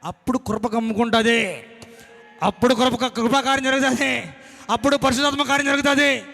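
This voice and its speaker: A man preaching a sermon as pastor, dramatic, switching between mocking whispers and loud shouts. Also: very high voice, steady tone, fairly quick, gravelly. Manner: dramatic, mimics timid believers in whispers, then shouts. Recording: long hall reverb.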